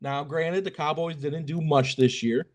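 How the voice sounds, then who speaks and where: A young man co-hosting a casual sports podcast, joking and filling pauses with lots of ums. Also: fairly high pitch, fairly even intonation. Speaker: podcast co-host.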